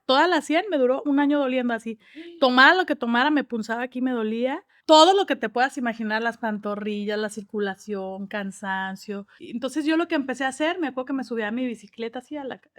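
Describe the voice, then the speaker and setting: A woman's voice: sits high, fairly bright tone, no room sound, clean studio sound. A woman telling an emotional personal testimony in a casual group. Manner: emotional, quick repetitive telling. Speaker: guest sharing a testimony.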